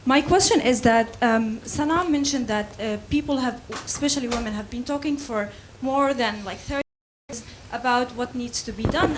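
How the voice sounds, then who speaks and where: High-voiced woman from Gaza asking questions. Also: background noise. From Gaza, Palestine. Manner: earnest, pointed. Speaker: audience member asking a question. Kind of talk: audience question at a panel.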